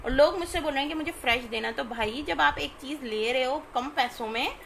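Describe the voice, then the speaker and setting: Woman, high creaky voice, informal live sales chat, checks in with listeners, noisy recording. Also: a little fast, a bit bright. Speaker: live online clothing seller. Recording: clearly noisy background.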